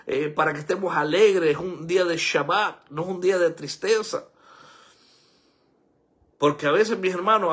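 An older man preaching a sermon as pastor, exhorting and rising to high, emphatic peaks. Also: a bit bright, breathy edge. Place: church sanctuary.

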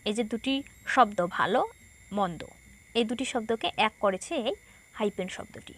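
A woman's voice: a little high, lively intonation, measured pace, a bit bright. A woman teacher from Bangladesh explaining a textbook lesson, patiently repeating each point and asking herself questions.

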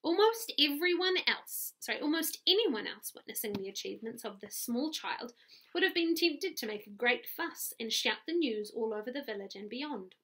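A woman's voice: on the high side, animated, normal speed, bright, forceful tone. A woman with a New Zealand accent reading a chapter book aloud to children as their teacher, friendly and stopping for little asides.

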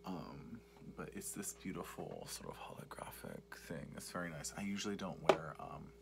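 A young man doing soft-spoken, mostly whispered ASMR as a makeup vlogger, rambling and repetitive in a campy way, with a breathy murmur. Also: huge pitch swings, normal speed. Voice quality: breathy whisper mixed with low creaky murmur. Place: small cluttered room indoors. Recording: noisy home recording with clicking and tapping.

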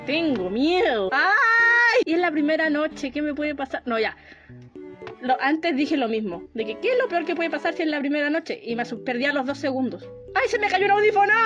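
A woman's voice: high voice, lo-fi sound. Jumpy woman shrieking through horror gameplay. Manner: easily frightened, shrieks and laughs nervously. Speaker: gamer playing a horror game. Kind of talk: casual gameplay commentary.

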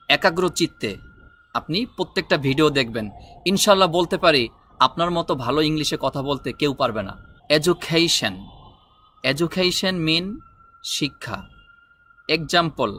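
A man teaching an English vocabulary lesson, saying each word slowly and repeating it, then explaining briskly. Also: on the high side, bright, forceful tone, dry recording.

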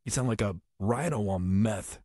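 A mocking young guy ribbing a hungover friend, a man's own take run through a voice changer. The processed voice sits low and husky, with a dry, close sound and no room around it. The jabs come slow and drawn out. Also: warm tone, dry recording. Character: teasing young male buddy, mocking his hungover friend.

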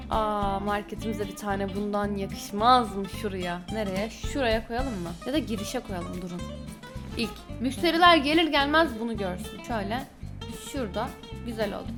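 A woman gaming YouTuber giving chatty, casual commentary to her viewers while she plays. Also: mid-range voice. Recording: background music under voice.

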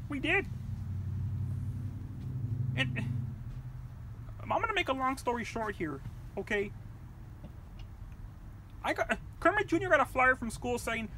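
A woman's voice: high-pitched, very animated, slow, pauses often, background noise, heavily acted. A woman voicing a foul-mouthed, furious mother from a puppet world in a comedic vlog rant, cursing and rambling. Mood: chatty. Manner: profane, shouting, rambling.

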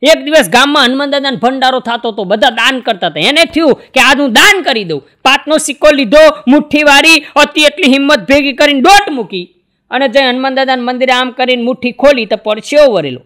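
A man's voice: fairly quick, pushed and bright. A man from Gujarat telling jokes on stage in a folksy storytelling way, acting out the dialogue in his stories. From Gujarat, India. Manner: folksy storytelling, acts out dialogue with shifting pitch. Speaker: stand-up comedian.

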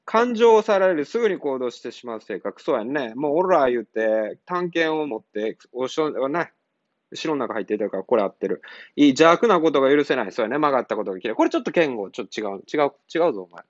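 A man's voice: medium pitch, sing-song, quick pace, dry recording. A man, a cram school teacher going through answers to a literature exercise in a casual, blunt way with teasing asides. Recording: dull lo-fi sound.

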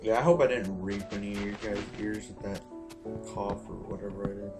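A tired young man with a lowish voice talks through a game in a loose, rambling, self-mocking way, swearing casually as he goes. Loud music plays underneath his commentary throughout. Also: steady tone, fairly quick. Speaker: gaming channel host. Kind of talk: casual let's-play commentary.

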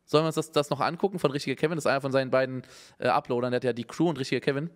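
A man's voice: medium pitch, fairly even intonation, racing. Give me a young man reacting on a livestream, hesitant and concerned, with a mid-range voice. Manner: hesitant, many fillers and restarts, concerned. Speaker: streamer reacting to news.

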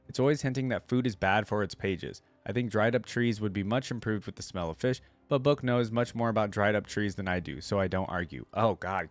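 A young adult man with a voice on the low side reads a story aloud, adding casual remarks for a reaction video. The sound is dry, recorded close on a desk microphone at an indoor streaming setup.

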